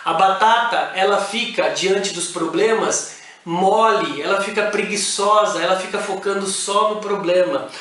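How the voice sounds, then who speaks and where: A man's voice: sits high, measured pace, fairly bright tone. A man, a sales and motivation speaker, talking directly to his listeners and calling them friends. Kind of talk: motivational talk. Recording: very echoey room.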